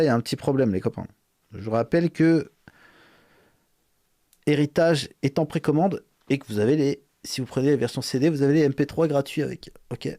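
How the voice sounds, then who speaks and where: A man's voice: medium pitch, dark tone. A man hosting a casual live stream, talking bluntly and mockingly with slang and swearing. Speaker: streamer host, rapper.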